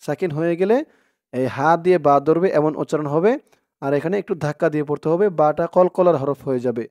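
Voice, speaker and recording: A man teaching Quran recitation word by word, explaining each letter with slow, careful speech and chanting verses in long, drawn-out tones. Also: fairly high pitch, warm tone, dry recording, highs cut off. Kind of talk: word-by-word Quran spelling lesson.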